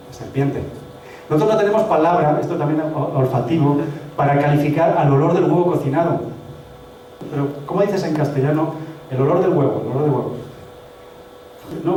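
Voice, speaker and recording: A man's voice: on the high side, dark tone, slight background noise. Man lecturing in an echoey hall. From Spain. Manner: conversational, explains with rhetorical questions. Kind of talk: academic lecture. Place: municipal hall. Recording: very echoey hall, mic far off.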